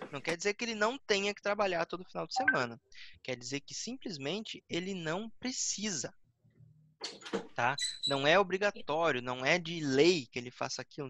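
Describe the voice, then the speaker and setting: A male English teacher patiently explaining grammar to a class, often pausing to check that everyone follows. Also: fairly high pitch, bright, forceful tone, dry recording. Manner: patient, checks understanding with frequent "tá?" and "né?"; explains by paraphrasing the same point several ways.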